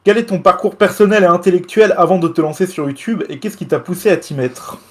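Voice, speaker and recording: A man's voice: high-pitched, a little fast. A man hosting an interview podcast, reading a scripted introduction and questions in formal, ornate wording.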